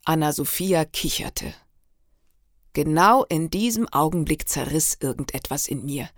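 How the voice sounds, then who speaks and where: Low-voiced woman reading a novel aloud. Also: unhurried, dry recording, clean studio sound. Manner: expressive storytelling. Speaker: reader. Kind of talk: audiobook reading.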